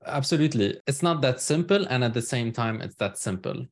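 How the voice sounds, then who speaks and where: A middle-aged man from Lebanon, a guest author giving measured, explanatory answers in an interview. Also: mid-range voice, expressive.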